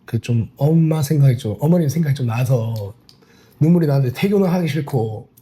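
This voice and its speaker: A young man recounting his special forces training days on a podcast. He talks quickly, his pitch rising and falling a lot as he tells the stories, and he breaks into laughter often. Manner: animated storytelling with laughs. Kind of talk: casual podcast chat.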